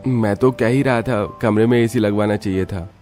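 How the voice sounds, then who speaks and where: A man voicing a young working husband and son in a cartoon, hurried or reassuring. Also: lowish voice, darkish tone, faint music behind, lightly acted.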